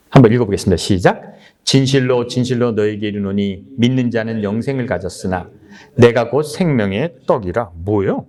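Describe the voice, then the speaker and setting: Animated male pastor preaching. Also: mid-range voice. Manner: conversational, full of rhetorical questions to the congregation; acts out crowd voices in blunt, coarse speech. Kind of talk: sermon. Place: church service.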